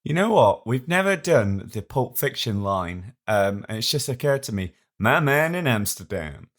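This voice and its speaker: A man's voice: medium pitch, animated, normal speed. A man co-hosting a podcast in casual, jokey, rambling chat. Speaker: podcast co-host.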